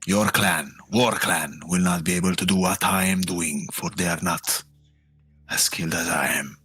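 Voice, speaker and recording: A man playing a proud, strong-willed warrior in a tabletop game, arguing earnestly in a husky voice. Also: low-pitched, steady tone, moderate pace, a bit bright, a little hiss or hum.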